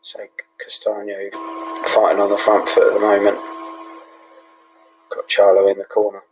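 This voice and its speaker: A British man hosting a live fight watch-along in a hushed, half-whispered voice, relaxed and full of ums and yeahs. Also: lowish voice, moderate pace, a little hiss or hum, rough recording. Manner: relaxed, with many fillers like um and yeah. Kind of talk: low-key live fight commentary.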